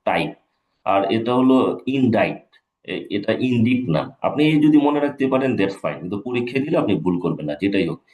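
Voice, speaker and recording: A man, an English teacher, giving a live exam-prep lecture, repeating key points and checking in with his students. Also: on the low side. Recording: echoey room.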